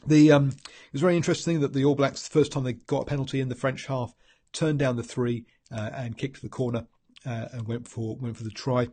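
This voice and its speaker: Here the rugby pundit is a Kiwi man whose head cold leaves him stuffed up as he rambles alone through a match analysis, restarting often and saying um a lot. His mid-range voice is warm with a breathy edge, moving a little fast with fairly even intonation.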